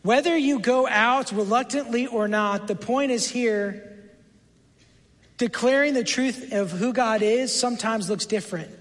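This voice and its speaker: A man in his thirties preaching a sermon, telling a story with animated delivery and briefly acting out the voices in it. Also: extremely high pitch, measured pace, big-room sound. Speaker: pastor.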